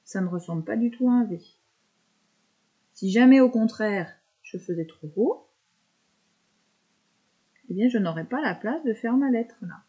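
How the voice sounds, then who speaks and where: A woman teacher calmly talking young pupils through handwriting, step by step, with patient explanations. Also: a little high, lo-fi sound. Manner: slow step-by-step verbalizing, patient.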